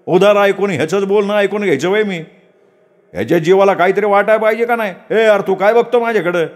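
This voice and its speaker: A man voicing a hot-tempered village shopkeeper who sneers and scolds in a loud, raised voice. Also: sits high, quick pace, pitched above the performer's own voice, lightly acted. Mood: scornful.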